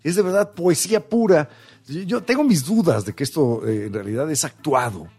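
Husky wry Mexican man. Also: on the high side, lively intonation, normal speed, darkish tone. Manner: wry, pedantic, joking. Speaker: co-host. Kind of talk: casual comedic commentary.

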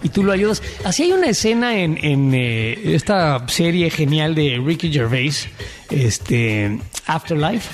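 A man's voice: fairly high pitch, sing-song, measured pace, faint music behind. A man with a Mexican accent, co-hosting a casual comedy podcast, joking and laughing often. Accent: Mexican Spanish. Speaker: podcast co-host.

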